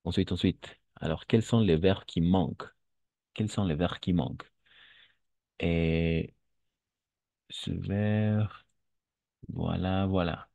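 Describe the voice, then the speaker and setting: A man teaching French in an online lesson, speaking slowly and patiently, repeating phrases and switching into Spanish. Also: low voice, fairly even intonation, gravelly, warm tone, no room sound.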